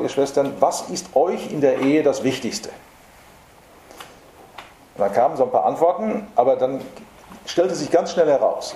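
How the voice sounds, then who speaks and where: A man's voice: mid-range voice, mellow. Earnest male preacher in a roomy hall. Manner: earnest, emphatic, with slow stressed repetitions. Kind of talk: sermon. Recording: roomy hall with faint background noise.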